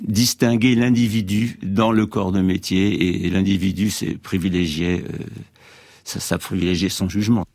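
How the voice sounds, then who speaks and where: An older man talks in a radio interview, low and gravelly, pausing often to find his words. He sounds dry and close to the mic. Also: a little mellow, dry recording. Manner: hesitant, searching for words. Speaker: guitarist guest.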